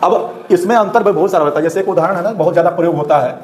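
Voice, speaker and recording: A man's voice: sits high, very fast, darkish tone. Echoey male Hindi grammar teacher. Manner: explanatory, repeatedly checks understanding with "ठीक ना". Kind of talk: explaining lesson to students.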